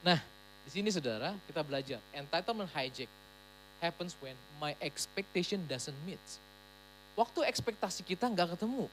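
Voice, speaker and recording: A woman pastor giving a sermon at a church service in a lively, emphatic way, slipping English phrases into her talk. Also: lowish voice, moderate pace, slight background noise, rough recording.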